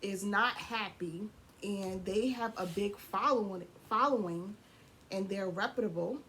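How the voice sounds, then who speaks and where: A woman co-hosting a casual couple's chat, hoarse from losing her voice, talking freely and clearing her throat. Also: mid-range voice, measured pace, a bit bright, a little hiss or hum. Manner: chatty, laughs often, clears throat. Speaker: co-host of a couple's channel.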